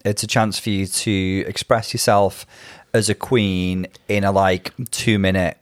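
A man from North Wales co-hosting a casual chat, thoughtful and quick to laugh. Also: sits low, flat delivery, clean tone, no room sound, studio quality. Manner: thoughtful, laughs easily, hedges with fillers. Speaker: podcast co-host.

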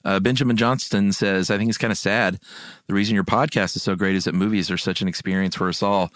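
A man's voice: deep voice, fairly even intonation, quick pace, a bit bright, no echo, clean studio sound. A man hosting a podcast, chatting casually and reading listener comments in an informal, laid-back way. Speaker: podcast host.

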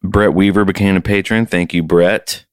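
A man's voice: sits low, fairly even intonation, moderate pace, smooth, dry recording. A man co-hosting a podcast from his home music studio, chatting loosely with jokes and swearing. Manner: loose, joking and profane. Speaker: podcast co-host and touring musician. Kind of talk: casual podcast chat.

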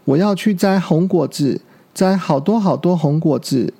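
A man's voice: a little high, moderate pace, dark tone, breathy edge. A man voicing a frightened, stubborn little boy dinosaur in a children's storybook reading, talking in a pleading, insistent way. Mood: happy.

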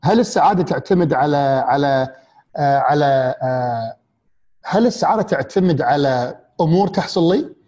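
Gulf Arabic man, reflective, slightly high voice. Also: animated, darkish tone. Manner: asks many rhetorical questions, halting with fillers and restarts. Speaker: speaker on happiness and mindfulness. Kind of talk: reflective motivational talk to an audience.

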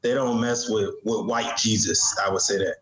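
Halting American man in an echoey room. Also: fairly low pitch, fairly even intonation, a bit bright, a little hiss or hum. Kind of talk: casual discussion. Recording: roomy, echoing sound.

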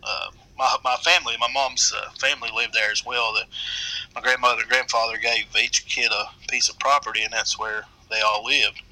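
A middle-aged man with an Appalachian accent, telling a story casually in a halting, rambling way. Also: mid-range voice, steady tone, pushed and bright, rough recording. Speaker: guest storyteller.

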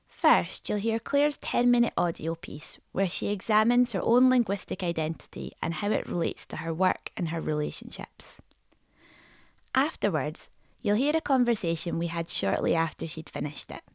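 A woman podcast host reads scripted narration with animated pitch and some vocal fry. Her voice sits a little low. The sound is dry. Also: no room sound.

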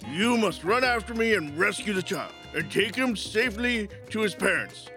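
A man's voice: sits high, sharp tone, exaggerated voice. A man voicing a sly, wise male wild boar who is amused and scheming.

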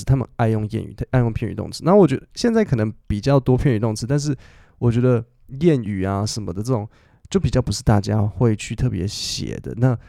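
A man's voice: mid-range voice, creaky, warm tone, no room sound, studio quality. A man in his twenties, hosting a podcast and explaining English grammar, often repeating phrases as he thinks. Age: 20s. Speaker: English teacher and podcast host.

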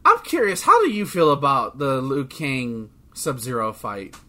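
A man co-hosting a casual chat podcast, rambling and excitable, often swearing as he talks. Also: mid-range voice, measured pace. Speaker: podcast co-host.

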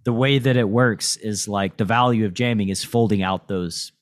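A man's voice: fairly low pitch, normal speed, no echo. Casual man on a dry podcast mic. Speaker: podcast host and poker coach. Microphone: close podcast mic.

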